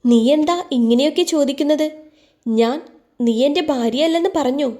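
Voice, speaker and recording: A woman's voice: high voice, moderate pace, mellow, close to an everyday voice. A woman voicing a stern young husband who speaks firmly and curtly. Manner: firm, curt.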